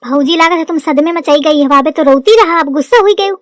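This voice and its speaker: A woman's voice: sits high, brisk, dry recording, studio quality, close to an everyday voice. Woman voicing Kallu, a nosy village brother-in-law. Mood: teasing.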